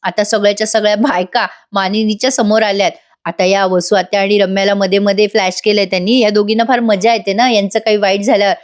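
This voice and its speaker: A woman's voice: medium pitch, steady tone, fast talker. A woman doing a chatty voice-over review of a TV serial episode, talking straight to her viewers. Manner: chatty, addresses viewers directly.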